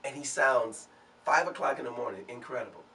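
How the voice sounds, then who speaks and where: A man who is a singer and a guest on a talk show. He tells stories from his career in a relaxed way. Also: mid-range voice, brisk, far from the mic, a little hiss or hum. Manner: relaxed anecdotal storyteller. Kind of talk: storytelling in an interview.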